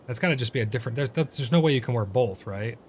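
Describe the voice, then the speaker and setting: A man's voice: medium pitch, animated, racing, a little mellow, a little hiss or hum. A man giving casual gameplay commentary, often exasperated and swearing at his bad luck while crafting. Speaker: gameplay streamer.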